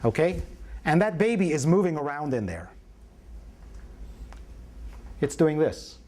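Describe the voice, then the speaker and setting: A man lecturing a live prenatal class, his voice sitting a little high for a man. He teaches like a storyteller, folksy and playful, and keeps checking in with the room. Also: big pitch swings, normal speed, dark tone.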